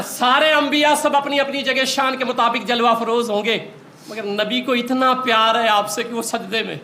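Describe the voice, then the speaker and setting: A man's voice: extremely high pitch, bright, forceful tone, slight background noise. A man preaching a sermon in an impassioned, rising voice, recorded in a large echoey hall.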